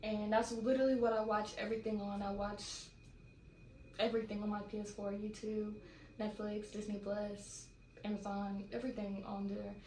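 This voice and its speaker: A woman's voice: medium pitch, flat delivery, normal speed, darkish tone. A young woman from California chatting casually and rambling through a Q&A vlog at home. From California, USA. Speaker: vlogger. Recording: echoey room with faint background noise.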